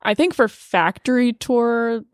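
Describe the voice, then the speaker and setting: A woman's voice: fairly high pitch, slow pace, no room sound, clean studio sound. A woman from a sales team telling work stories in a friendly, upbeat way. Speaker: inside sales team member. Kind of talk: casual chat.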